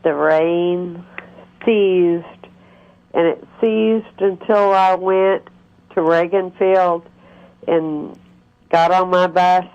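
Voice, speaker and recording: A woman's voice: lowish voice, steady tone, very slow, long pauses, darkish tone. A woman of fifty-nine calling in to a radio show, earnestly and insistently telling her personal story. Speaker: caller to a call-in show. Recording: dull, muffled phone call audio.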